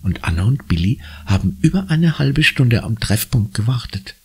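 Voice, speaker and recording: A man narrating a children's audiobook with expressive storytelling. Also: mid-range voice, moderate pace, husky. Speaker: audiobook reader.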